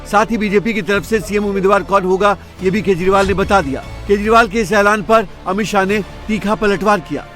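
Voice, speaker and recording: A man's voice: high voice, brisk, hardly any pauses, a bit bright, soft background music. A man reading scripted news narration.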